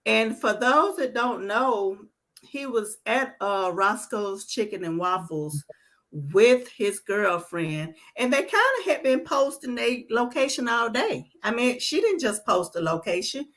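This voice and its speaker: A woman's voice: on the high side, big pitch swings, measured pace, a bit bright. A woman hosting a casual talk show, chatting loosely about the news. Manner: reads a letter aloud; loose, conversational. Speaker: podcast host. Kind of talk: casual chat.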